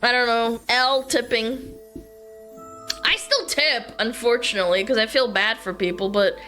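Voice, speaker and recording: Blunt, bright-voiced woman over faint music. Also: a little high, a little slow. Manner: blunt and offhand. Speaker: commentator in a reacted clip. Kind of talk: casual opinion talk.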